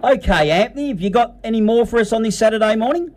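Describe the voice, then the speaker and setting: Higher-pitched Australian male radio host. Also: animated, fast, slight background noise. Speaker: radio sports show host. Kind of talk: casual sports interview.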